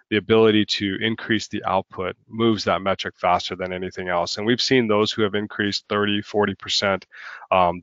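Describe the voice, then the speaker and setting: A marketing head presenting a business webinar, talking quickly with many ums and uhs. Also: male voice, a bit bright, no room sound, muffled recording. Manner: fast, filler-heavy business pitch.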